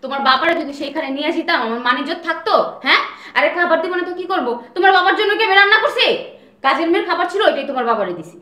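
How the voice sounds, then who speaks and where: A woman's voice: sits high, animated, rapid-fire, pushed and bright, echoey room. An actress playing a snobbish daughter-in-law who defends herself haughtily and is ashamed of her father-in-law. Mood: defensive haughty. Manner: defensive, haughty, snapping back.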